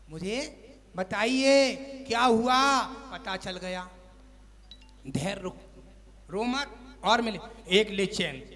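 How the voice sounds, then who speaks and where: A man giving a sermon as a Jain monk, telling a lively story and acting out its household characters before a seated congregation. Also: high-pitched. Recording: long hall reverb.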